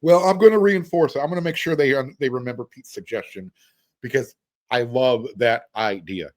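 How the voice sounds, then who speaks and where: An American man hosts a sports podcast, talking through a casual interview chat with emphasis and repeating phrases to drive points home. His voice is medium-pitched and his pace moderate.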